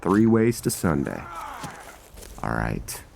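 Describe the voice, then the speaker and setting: A man's voice: sits low, very animated, takes it slowly, creaky, heavy background noise. A man giving casual let's-play commentary on a role-play game, thinking aloud in rambling, broken-off phrases. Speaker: gameplay host.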